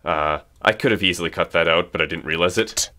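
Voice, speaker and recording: Man, casual commentary, low but bright, hesitant and rambling. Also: fairly quick, slight background noise. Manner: rambling, hesitant, many restarts. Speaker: music creator.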